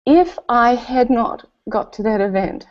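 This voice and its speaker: At a measured pace, a woman from New Zealand with a New Zealand accent gives a motivational speech to a company event in a voice a little on the high side. She tells lively stories, imitating others' voices, and the recording is muffled.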